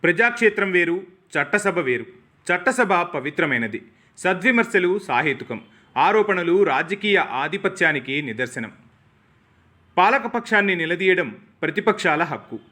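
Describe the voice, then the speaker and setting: A man reading scripted political news commentary in short, formal, measured sentences. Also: high-pitched, very animated, bright, forceful tone. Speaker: news narrator.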